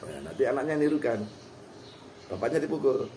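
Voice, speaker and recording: A man leads an informal recitation lesson, speaking in a folksy, chuckling way at an ordinary pitch. His voice rings through a roomy hall, with faint noise behind it. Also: big pitch swings, brisk, mellow. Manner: folksy, chuckling, acts out short quotes. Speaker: Quran recitation teacher.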